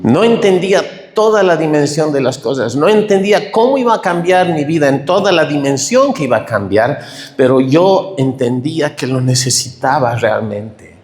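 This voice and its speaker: Emotional preacher in an echoey hall. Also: male voice, on the high side, moderate pace. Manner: emotional, tearful, animated storytelling. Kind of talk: testimony sermon. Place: church hall.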